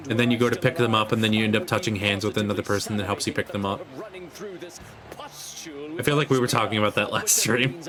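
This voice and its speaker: A man chatting casually on a live game stream as a VTuber, joking and rambling as he answers viewers. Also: fairly low pitch. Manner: joking, rambling, self-deprecating, casually profane. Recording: loud game music behind the voice. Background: video game music.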